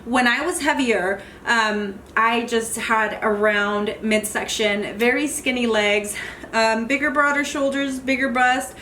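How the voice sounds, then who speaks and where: Woman vlogger, home workout corner, relaxed and chatty, light background hiss. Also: fairly high pitch, unhurried. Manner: chatty, loose and friendly, with many fillers. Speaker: fitness vlogger. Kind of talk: casual vlog tour of home workout gear.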